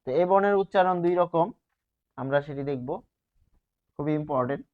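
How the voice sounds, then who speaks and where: A man's voice: a little high, a little fast. A male teacher giving a grammar lesson, explaining step by step and asking and answering his own questions. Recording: slightly dull, lo-fi sound.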